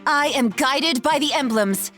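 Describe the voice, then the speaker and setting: A woman's voice: sits high, unhurried, sharp tone, soft background music. A woman voicing a game's ninja girl who imitates the solemn, heroic voice of a divine dragon. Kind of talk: video game character voice lines.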